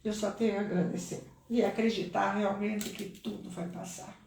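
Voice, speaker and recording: A woman's voice: steady tone, moderate pace, gravelly, darkish tone, a little hiss or hum. Earnest middle-aged Brazilian mother, roomy sound. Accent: Brazilian Portuguese. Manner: earnest, prayerful, pitch rising when moved. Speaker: mother of a cancer patient, guest. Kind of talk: emotional personal testimony. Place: live stream room. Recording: roomy, distant mic.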